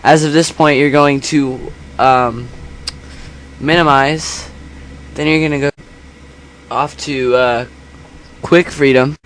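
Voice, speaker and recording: A man giving a casual software tutorial in a quiet, understated voice, kept a little back from the microphone. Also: mid-range voice, fairly even intonation, slow pace, pauses often. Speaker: tutorial host. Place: indoors at a computer. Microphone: separate microphone, not held close. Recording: noisy room hum, quiet separate mic.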